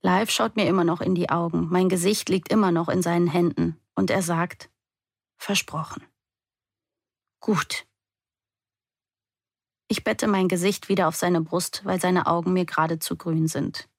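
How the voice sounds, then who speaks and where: A woman reading a first-person novel aloud in a quiet, intimate way. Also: on the low side, steady tone, normal speed, vocal fry, few pauses, no echo, studio quality. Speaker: audiobook narrator.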